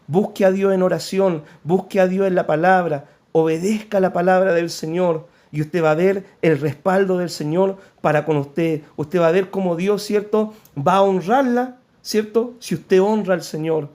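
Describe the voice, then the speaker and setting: High-voiced Chilean pastor preaching. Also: male voice, moderate pace, few pauses, darkish tone. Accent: Chilean Spanish. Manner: preaching with frequent "¿cierto?" asides; earnest, pleading tone when voicing prayers. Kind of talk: sermon.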